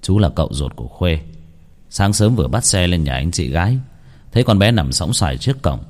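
A man voicing a calm, kind middle-aged uncle who speaks in a low, measured way. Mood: calm, somber.

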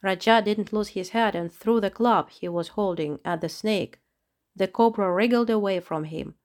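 A woman narrating a children's storybook with a steady, clear reading. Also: medium pitch, moderate pace.

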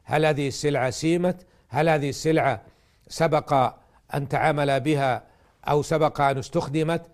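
A religious programme host and lecturer teaches in formal standard Arabic, laying out his points one by one in a didactic manner. He speaks briskly, with a slightly high voice.

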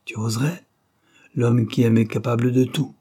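A man's voice: medium pitch, steady tone, normal speed, dark tone, husky, natural voice. A man voicing a jealous man who threatens and blackmails a young woman, in a hard, mocking tone. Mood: threatening.

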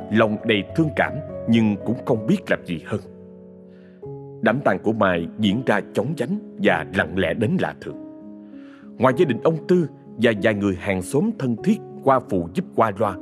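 A male storyteller with a Southern Vietnamese accent reads a ghost story dramatically. His pitch moves widely through each sentence. Faint music plays under him.

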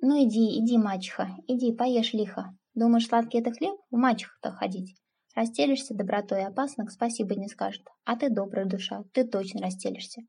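A woman's voice: on the high side, fairly even intonation, brisk, creaky, mellow, husky. A woman voicing a blunt, stubborn older village aunt who scolds and mocks in folksy speech. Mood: mocking.

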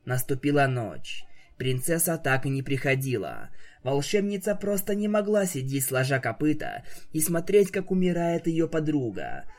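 A man narrating a fan fiction story aloud in an even storytelling delivery. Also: on the high side, normal speed, faint music behind.

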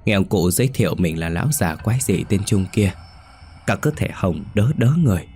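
Deep-voiced man narrating a ghost story. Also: lively intonation, brisk, dark tone, faint music behind.

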